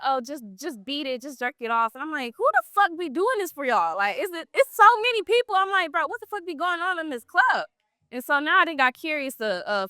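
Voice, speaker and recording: Bright, high-voiced woman telling blunt stories. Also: clear, resonant tone, no echo, studio quality. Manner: blunt, profane, animated storytelling. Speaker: exotic dancer guest. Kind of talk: casual storytelling interview.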